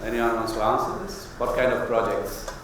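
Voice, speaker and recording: A man's voice: medium pitch, fairly even intonation, moderate pace, a bit bright, recorded from a distance. A man moderating an open-house question session, conversational and rhetorical, who puts questions to the audience. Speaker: faculty moderator. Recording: echoey hall, off-mic, faint noise.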